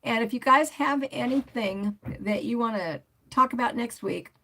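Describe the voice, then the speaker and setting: Older woman, livestream host, rambling and chatty, with a gravelly, husky voice. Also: fairly high pitch, moderate pace, sharp tone. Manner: rambling, chatty, reads out viewer comments. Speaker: motorcycle vlogger hosting a livestream. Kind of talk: casual livestream chat.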